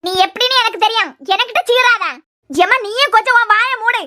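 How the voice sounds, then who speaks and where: Cartoon grandmother, fierce and scolding, fast-talking, Kanyakumari Tamil accent, voiced by a woman. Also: very high voice, no echo, clean studio sound. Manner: sharp, scolding, quick-fire. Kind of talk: cartoon web series voice acting.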